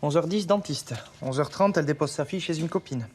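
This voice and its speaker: Man acting a brisk, methodical police technician. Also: fairly high pitch, natural voice. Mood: focused. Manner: brisk, factual reporting. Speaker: actor in a police series. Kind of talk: naturalistic TV crime drama acting. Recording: TV soundtrack with background ambience noise.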